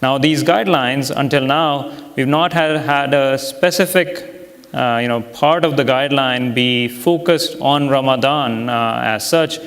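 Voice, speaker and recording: A man of middle pitch interviews guests in a polite, halting way, often pausing on fillers. His voice carries a long reverb, as if in a large hall. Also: a bit bright. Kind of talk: conference interview.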